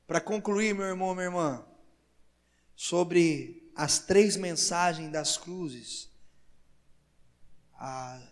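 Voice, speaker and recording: A man with a Brazilian Portuguese accent preaching a sermon as pastor, in slow emphatic phrases that rise to loud exclamations. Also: high-pitched. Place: large church hall. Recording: church hall with long reverb.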